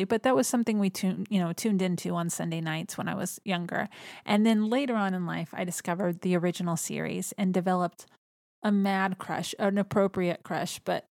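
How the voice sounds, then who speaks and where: A woman's voice: mid-range voice, no room sound, studio quality. A woman hosting a podcast in an enthusiastic, chatty way. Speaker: podcast host. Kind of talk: casual chat.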